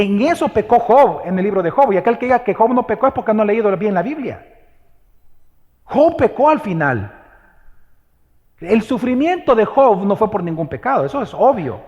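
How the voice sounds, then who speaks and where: A man's voice: high-pitched, darkish tone, big-room sound, lo-fi sound. A male pastor preaching a sermon in a church, questioning the congregation and driving his points home with emphasis. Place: church sanctuary.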